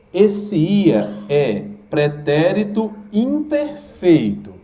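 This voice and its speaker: Lively teacher in an echoey classroom. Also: male voice, on the high side. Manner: lively, asks the class questions and answers them himself. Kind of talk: exam prep grammar lesson to a live class.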